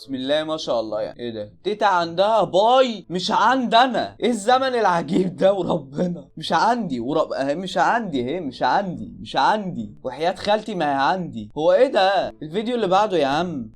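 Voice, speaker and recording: A man's voice: fairly high pitch, very animated, fast talker. A man with an Egyptian accent giving casual, joking reaction commentary on videos, exclaiming in disbelief.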